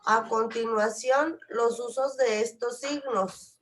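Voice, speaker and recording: A woman student reading a slide aloud to the class slowly and carefully. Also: a little high, fairly even intonation, poor audio.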